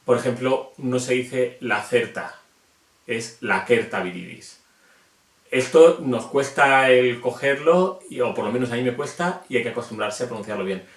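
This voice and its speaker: A man's voice: mid-range voice, moderate pace, few pauses. A man from Spain with a Spanish accent, chatting casually and self-deprecatingly as he explains something to viewers in a video. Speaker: reptile hobbyist explaining names. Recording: echoey room.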